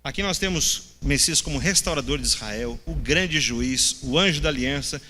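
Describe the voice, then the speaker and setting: Brazilian guy teaching sunday bible class, acts out the questions all sarcastic, bright sharp voice, long echo like a big hall. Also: medium pitch, expressive, normal speed. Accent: Brazilian Portuguese. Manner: acts out the people's questions in a mocking tone; talks straight to the class as brothers. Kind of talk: church Bible class lesson.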